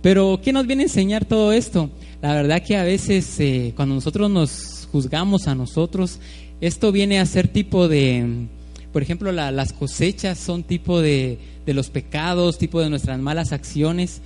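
A man's voice: on the high side, expressive, moderate pace, darkish tone. A man preaching informally, telling a story with many restarts and fillers. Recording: long hall reverb, faint music.

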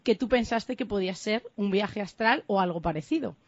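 Radio host lady, asks soft leading questions, dry slightly muffled sound. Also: medium pitch, fairly quick, dry recording. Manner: gentle, leading questions with frequent "¿no?". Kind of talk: radio interview.

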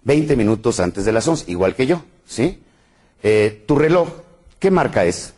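A man's voice: mid-range voice, sing-song, unhurried, darkish tone, husky. A man with a Mexican accent giving a live business lecture with jokes, quizzing the audience with frequent tag questions. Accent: Mexican Spanish. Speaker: seminar speaker.

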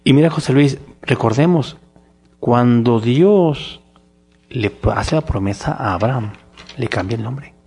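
A man's voice: medium pitch, a little slow, husky, faint music behind. A man with a Mexican Spanish accent co-hosting a casual religious discussion podcast, telling stories with energy and acting out the dialogue. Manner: animated storytelling, acts out dialogue. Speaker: podcast co-host.

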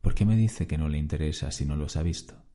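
A man voicing an enigmatic old man of about eighty who answers calmly and cryptically. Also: extremely low pitch, brisk. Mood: calm, cryptic. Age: older.

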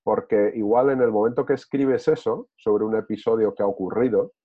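Low husky man on a tinny line. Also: normal speed. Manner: reflective, lots of hesitation fillers and restarts. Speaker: discussion participant. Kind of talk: casual group discussion.

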